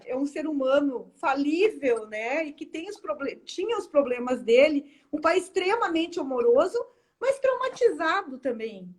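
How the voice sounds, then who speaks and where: Guest, woman, high voice, tearful halting storytelling. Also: darkish tone. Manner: halting, tearful at moments, many fillers. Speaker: guest, lawyer and constellation practitioner. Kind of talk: emotional personal storytelling in a live chat.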